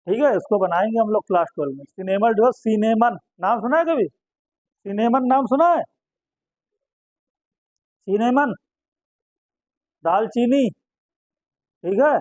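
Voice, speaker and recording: A man's voice: high-pitched, darkish tone, no room sound, dull audio. A man giving a chemistry lecture to students, asking questions and then answering them himself and repeating each term. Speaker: chemistry teacher. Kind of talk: classroom lecture.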